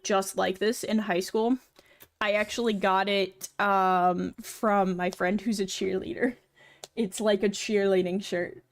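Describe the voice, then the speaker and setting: In a casual chat while she works on a model, a young female streamer talks in a feminine, medium-pitched, creaky voice. Her talk is chatty and rambling, full of fillers.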